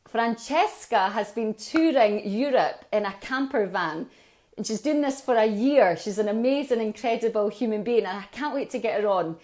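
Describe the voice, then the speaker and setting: Woman hosting a live video call interview, kinda high voice, super chatty and giggly. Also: moderate pace, a little mellow. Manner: chatty, laughs often, enthusiastic. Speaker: interview host.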